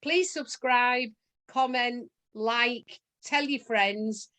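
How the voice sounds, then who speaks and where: A woman's voice: on the high side, drawn-out words, pushed and bright. A woman hosting a casual interview, chatty and rambling as she signs off. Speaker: host.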